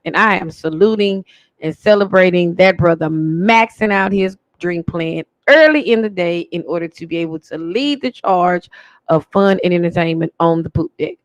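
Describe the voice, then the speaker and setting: Host, male, higher pitch, pointed repetitive delivery, dry dull sound. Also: no room sound. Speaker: livestream host. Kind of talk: live commentary.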